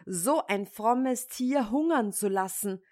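Woman doing grumpy old tailor, yells at his sons, slow storybook reading. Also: fairly high pitch, expressive. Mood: furious. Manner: scolding, shouting in rage. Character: hot-tempered old male tailor. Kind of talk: storybook fairy-tale reading.

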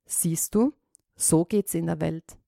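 A woman reads a fairy tale aloud in a calm, measured storytelling manner. Her pace is very unhurried, with a mid-range voice. The sound is close and dry. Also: low voice, vocal fry, no echo.

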